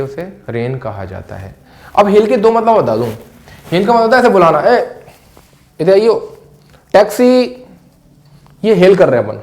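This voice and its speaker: A man delivers an English vocabulary lesson to camera at a classroom board, saying each word over several times in a Hindi-accented voice. His pitch runs on the high side, with a darkish tone.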